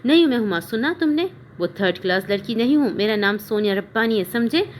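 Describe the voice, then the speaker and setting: A woman voicing a young bride under a spell, sharp and contemptuous in her outbursts. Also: medium pitch, moderate pace, slight background noise, close to an everyday voice. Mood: furious.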